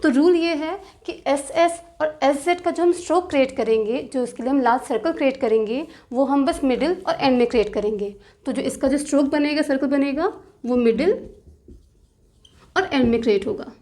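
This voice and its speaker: A woman teaching shorthand step by step, patiently repeating rules and slowly drawing out example words, with terms. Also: sits high, dark tone. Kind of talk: step-by-step tutorial explanation.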